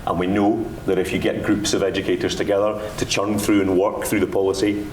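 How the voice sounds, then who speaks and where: A man's voice: sits low, flat delivery, a little fast, darkish tone. A man with a Dundee Scottish accent giving a conference presentation in an informal, conversational way. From Dundee, Scotland. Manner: informal, conversational, Scots turns of phrase. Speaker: panel speaker on education. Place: indoor event room with microphone. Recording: roomy, distant microphone, faint noise.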